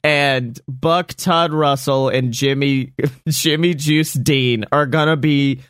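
A man co-hosting a comedy podcast, pitching a film plot with jokey storytelling and frequent laughter. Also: fairly even intonation, slow, a bit bright, smooth, no echo, studio quality. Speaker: podcast co-host. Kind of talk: comedic improv chat.

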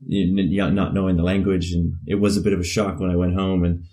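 A Canadian-accented man co-hosts a podcast in a low, dark and relaxed voice. His delivery is casual and conversational, with loose phrasing that often leans on "you know". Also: quick pace. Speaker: podcast co-host. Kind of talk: casual chat.

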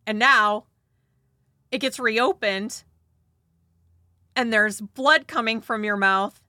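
Bright-voiced woman telling dark history. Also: a little high, takes it slowly, dry recording, clean studio sound. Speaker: host. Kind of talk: scripted narration with casual asides.

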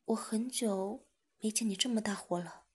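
A woman voicing a gentle, caring young wife in a whispered role-play, soft and soothing. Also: medium pitch, moderate pace, breathy edge, lightly acted. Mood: gentle concern.

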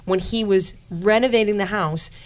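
A middle-aged woman co-hosting a casual paranormal chat, animated and acting out quotes in lively voices. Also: medium pitch, moderate pace. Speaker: podcast co-host.

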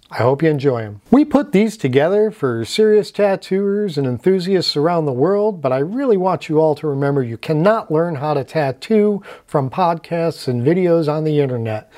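A man's voice: a little high, a little mellow. A man hosting a tattoo podcast, reading the intro and then interviewing a longtime friend in a laid-back, friendly way. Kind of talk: casual interview chat.

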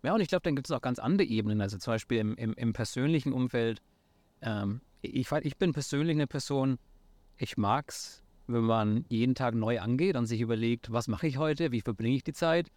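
A man in his thirties from near Nuremberg in Franconia, Germany, speaks with a Franconian German accent as a startup founder being interviewed. His voice is medium-pitched, a little fast and darkish, recorded dry. The talk is casual and hesitant, full of fillers and restarts, with English words mixed in.

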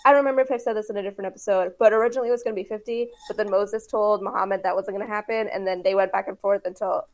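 A woman's voice: medium pitch, fairly even intonation, very fast, hardly any pauses, darkish tone. A woman co-hosting a podcast in casual chat, telling stories with quoted voices and laughter. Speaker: podcast co-host.

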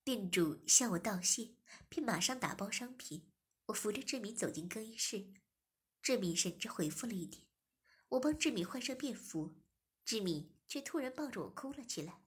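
A woman reading a first-person story aloud in a soft, breathy, half-whispered way. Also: mid-range voice, lively intonation, moderate pace.

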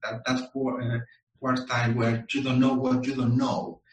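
A man from Chile, answering interview questions in a measured way and pausing often with ums and uhs. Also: medium pitch, flat delivery, distant mic. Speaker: guest. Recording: echoey room, voice a bit off-mic.

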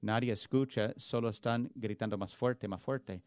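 A man's voice: on the low side, steady tone, normal speed, darkish tone, clean tone, no room sound. A man preaching a sermon in an earnest, emphatic way, often restarting words mid-phrase. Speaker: pastor.

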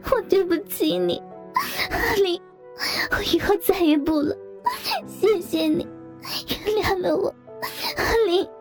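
A woman's voice: very high voice, drawn-out words, pauses often, mellow, voice pushed up, heavily acted. A woman voicing a timid young wife in a story, stammering and tearful. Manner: trembling, stammering pleas. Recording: faint background music.

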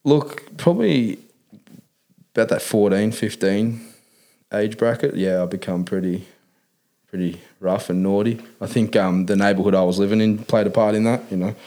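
A man's voice: on the low side, moderate pace, dark tone. An Australian man telling his life story in a casual interview, talking in laid-back working-class Aussie slang peppered with "man" and "mate". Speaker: interview guest.

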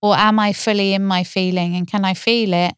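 A woman therapist talks through feelings on a podcast in a calm, reflective way. Her voice is exceptionally smooth and clear, recorded close and dry with no room sound. She often works through ideas by asking gentle questions. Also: medium pitch, a little fast, no room sound. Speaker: therapist, co-host. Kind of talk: podcast conversation.

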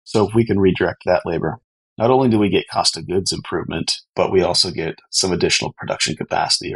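A man's voice: low-pitched, fairly bright tone, slightly rough, poor audio. A man speaking as an expert podcast guest, explaining things earnestly and conversationally. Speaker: podcast guest, company co-founder.

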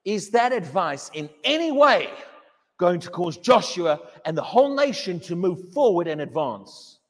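A man with a fairly high voice preaches in a church, pressing his points with questions and repeated words. A long reverb trails after each phrase. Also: sing-song, unhurried. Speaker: pastor. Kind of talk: sermon.

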